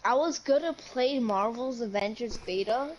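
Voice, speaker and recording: A woman's voice: fairly high pitch, normal speed, poor audio. A young woman chatting and teasing friends during a gaming session over call audio. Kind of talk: casual chat while gaming.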